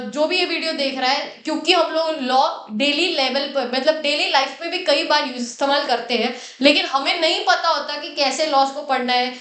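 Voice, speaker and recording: A young woman with an Indian accent and a high voice explains a lesson with energy and emphasis. She repeats key points to drive them home. Her voice rings a little in an echoey room. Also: a bit bright. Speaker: teacher.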